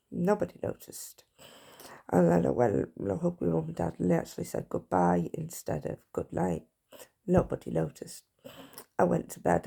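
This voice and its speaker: A woman speaking frankly and haltingly to a phone camera, sharing a personal account. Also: fairly low pitch, creaky, warm tone, slightly rough. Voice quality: frank, halting, reflective speech. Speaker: vlogger.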